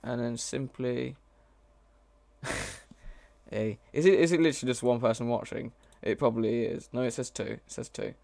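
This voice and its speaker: Guy with a bit of fry in his voice, talking to himself while coding live, lots of ums and restarts. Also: mid-range voice, fairly even intonation, moderate pace, long pauses, dark tone, no echo. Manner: thinks aloud, hesitant, self-correcting. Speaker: mod developer streaming live. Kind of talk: casual live coding commentary.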